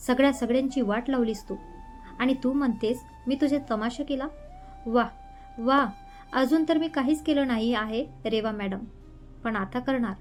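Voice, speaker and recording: A woman storyteller voicing a furious young man who shouts bitter accusations at his former love. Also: fairly high pitch, natural voice.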